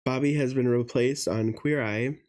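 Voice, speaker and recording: A young adult man co-hosting a podcast, with a warm, mellow tone. He gossips casually and often pauses on "um" and "like" while telling stories. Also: mid-range voice, fairly even intonation. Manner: chatty, gossipy, many fillers. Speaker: podcast co-host. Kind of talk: casual chat.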